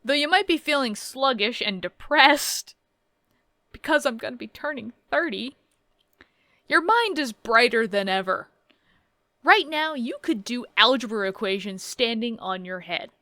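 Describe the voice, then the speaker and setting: A woman's voice: on the high side, lively intonation, a little slow, bright, forceful tone, no room sound, studio quality. A woman in her thirties casually reading game text aloud and adding wry, joking asides in a playthrough. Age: 30s. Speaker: let's play host.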